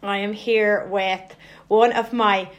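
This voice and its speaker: A woman's voice: mid-range voice, steady tone, slow, lo-fi sound. Bubbly, laughing woman podcast host. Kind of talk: casual interview chat. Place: Kent, United Kingdom.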